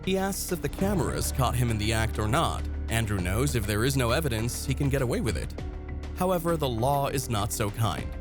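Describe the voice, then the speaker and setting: A man narrating true-crime cases in a grave, scripted delivery. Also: medium pitch. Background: background music.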